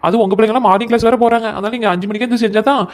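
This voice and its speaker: A woman's voice: on the high side, fairly even intonation, very fast, a little mellow, lightly acted. A woman playing a cheeky young village woman. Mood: resigned. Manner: cheeky, teasing, giggly. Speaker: cartoon voice actor. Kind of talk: comic cartoon dialogue.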